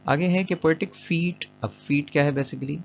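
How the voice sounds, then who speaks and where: A man's voice: on the high side, moderate pace, creaky. A man teaching an English lesson over slides, patient and repetitive, mixing English terms into Hindi. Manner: patient, repeats and checks understanding; mixes English terms into Urdu-flavoured Hindi. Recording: dull lo-fi voice-over with soft music.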